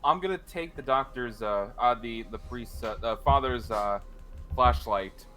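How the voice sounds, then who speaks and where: A man in a casual tabletop game who hesitates and restarts his sentences. Music plays clearly behind his voice. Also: medium pitch, moderate pace. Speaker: player.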